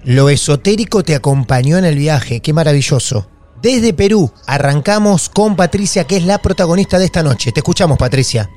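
A man's voice: on the high side, expressive, a little fast, a little mellow. A man hosting a call-in podcast, reacting with short, engaged interjections. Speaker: podcast host. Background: faint music.

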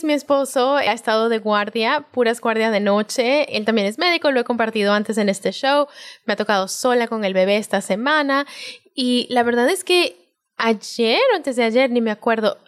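A woman co-hosting a casual podcast chat, a doctor and mother recounting parenting mishaps with laughter. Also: fairly high pitch. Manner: expressive, laughing, drawn-out phrases.

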